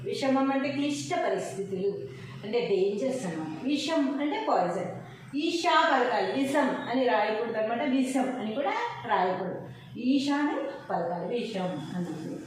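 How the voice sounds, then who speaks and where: A woman teacher slowly and patiently spelling out syllables, with a sing-song way of reciting. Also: a little high, darkish tone. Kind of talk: teaching a Telugu alphabet lesson. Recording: very echoey, distant room mic with faint noise.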